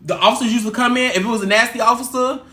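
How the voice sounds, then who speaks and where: A woman hosting a casual livestream chat, telling stories in an expressive, animated way. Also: fairly high pitch, rapid-fire, reverberant. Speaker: livestream host.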